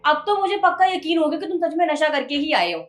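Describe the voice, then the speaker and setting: A woman's voice: high voice, lively intonation, fast. A woman playing a defiant cheating wife. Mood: evasive. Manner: defensive, dismissive. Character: wife Shikha, defiant and caught hiding a lover. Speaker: actor in a short film. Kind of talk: melodramatic short-film acting.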